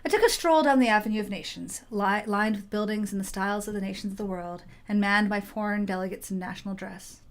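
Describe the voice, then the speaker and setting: A woman's voice: mid-range voice, fast talker, few pauses. A woman expressively reading the text of a story game aloud.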